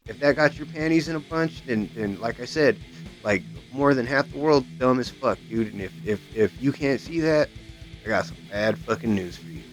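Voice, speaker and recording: A man's voice: mid-range voice, animated, normal speed. A man giving a casual, profane, rambling rant as a guitar vlogger, often tagging his sentences with "you know what I mean".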